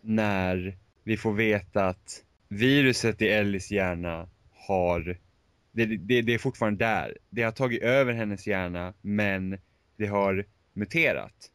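A man's voice: fairly low pitch, a bit bright, clear, resonant tone, no echo. A man co-hosting a casual game podcast who speaks hesitantly, with many fillers. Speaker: podcast co-host. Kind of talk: casual chat.

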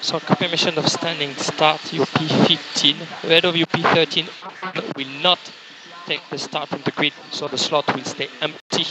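A race engineer gives methodical, repeated instructions over onboard team radio. He speaks at normal speed in a slightly high, level-toned voice. The radio headset audio is filtered and noisy, with clicks and vehicle sound.

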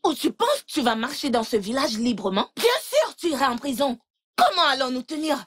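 A woman dubbing a film role as a calm older sister who pleads, soothes and repeats herself. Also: high-pitched, brisk, slightly rough, exaggerated voice. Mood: soothing. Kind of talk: dubbed film acting.

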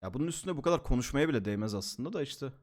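A man's voice: mid-range voice, expressive, rapid-fire. A young man streaming from home, chatting casually at his desk mic, laughing, swearing and joking as he reacts to videos.

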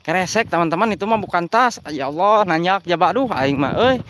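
A man with a Sundanese accent and a high, bright voice hosts a ghost-hunting vlog at night in the woods. He is excitable and jokey and bursts into curses and prayers whenever something startles him. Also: brisk, background noise. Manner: excitable, jokey, swears and prays when startled.

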